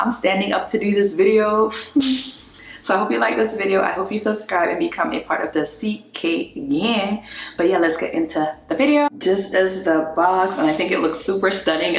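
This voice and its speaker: A woman hosting a casual beauty review vlog, upbeat and gushing as she talks straight to her viewers, recorded with the strong echo of a bare bathroom. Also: mid-range voice. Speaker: beauty vlogger. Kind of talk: casual chatty product review. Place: small bare bathroom indoors, just moved in.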